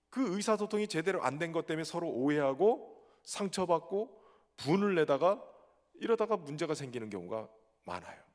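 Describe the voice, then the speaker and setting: A male pastor from Chungcheong, South Korea, with a Chungcheong Korean accent, preaching a sermon in a lively, conversational way with touches of humor. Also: on the high side, in a large hall. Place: church sanctuary.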